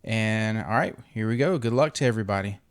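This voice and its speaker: Clear-voiced man making a casual giveaway announcement. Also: fairly low pitch, brisk. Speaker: host of an online trading group.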